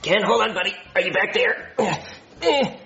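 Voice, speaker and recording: A man voicing a whiny, excitable young boy who pleads and stammers. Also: high voice, normal speed, highs cut off, heavily acted. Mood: frantic.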